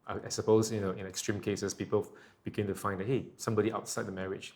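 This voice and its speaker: A man with a very low voice, a guest on a talk show. He explains his points at a steady, measured pace. His talk is casual and full of "you know"s. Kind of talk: casual chat.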